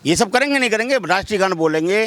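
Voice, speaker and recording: Street vox pop: man, high voice, insistent, rhetorical, city street outdoors. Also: animated, racing, fairly bright tone. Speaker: shopkeeper interviewed in a street poll. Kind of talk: street interview.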